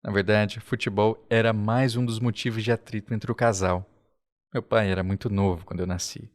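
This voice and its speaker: A man with a Brazilian Portuguese accent, narrating a documentary podcast in a slow, reflective way. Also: on the low side, steady tone. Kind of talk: scripted narration. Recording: faint music underneath.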